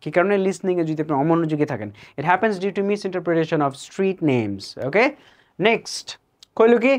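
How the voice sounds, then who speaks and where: Brief: Bangladeshi-accented English teacher, mid-pitched voice, slow, careful reading of example sentences, joking asides. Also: expressive. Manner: reads English examples slowly, mixes English into Bangla, playful asides. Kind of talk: spoken English lesson.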